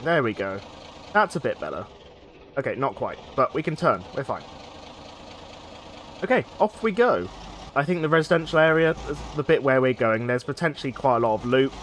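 Into a desk microphone, a let's play host gives casual, rambling commentary on his own gameplay, thinking aloud as he goes. A cold has left his nose slightly blocked, so his mid-pitched, conversational voice sounds stuffed-up.

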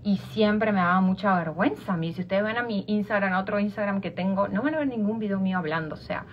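A woman's voice: medium pitch, fast, a little hiss or hum. A woman with an Argentine accent, a life coach giving an informal motivational talk, repeating herself and restarting phrases. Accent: Argentine Spanish. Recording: dull lo-fi sound.

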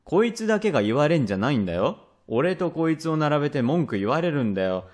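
A man voicing a rough, quick-tempered father from old Edo, speaking blunt old Edo Tokyo speech in a rakugo tale. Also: on the high side, sing-song, darkish tone. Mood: irritated. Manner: gruff, blunt, grumbling. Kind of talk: rakugo storytelling.

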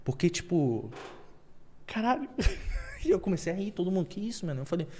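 A young man telling a story on a podcast, with slangy, animated storytelling, acted quotes and bursts of nervous laughter. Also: high-pitched, brisk, a little hiss or hum. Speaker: podcast guest. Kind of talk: casual storytelling.

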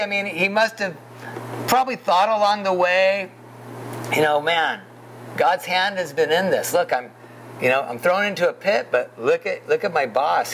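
High, gravelly-voiced male pastor; warm-hearted casual preaching, faint room hiss. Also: low-quality recording. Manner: emotional, conversational, addresses listeners as "you guys". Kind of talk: sermon.

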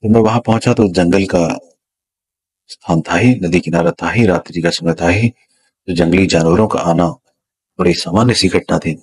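Deep husky man telling a spiritual story. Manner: slow, dramatic storytelling with repeated words for suspense. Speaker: spiritual teacher. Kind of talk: storytelling a personal spiritual experience.

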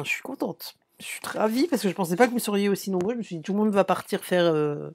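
A woman's voice: lowish voice, darkish tone. A middle-aged woman from France hosting a live craft stream, chatting casually, answering viewers and showing her work, with many fillers and restarts.

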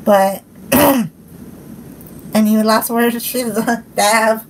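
A woman's voice: on the high side, fairly even intonation, very slow, slight background noise, rough recording. A young woman hosting a livestream, chatting casually with viewers, giggling often and thanking them by name. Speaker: livestream host.

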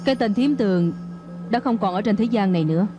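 A woman dubbing an elderly Buddhist nun who speaks slowly and calmly in a sermon-like way, for a film. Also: medium pitch, music in the background, natural voice. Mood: serene. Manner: slow, calm, sermon-like. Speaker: dubbing actor. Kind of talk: Vietnamese film dub.

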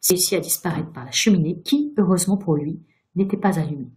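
A woman with a lowish voice reads a tale aloud to children at a quick pace. She is expressive and speaks directly to her young listeners.

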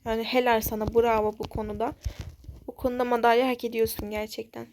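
Woman voicing a schoolboy defender, sarcastic, high-ish voice, toy-game role-play story. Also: level tone, fast talker, a little mellow, slight background noise, natural voice. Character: schoolboy who sticks up for others.

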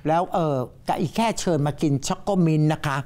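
Female talk show host; quick, pressing interviewer with probing questions. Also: deep voice, mellow.

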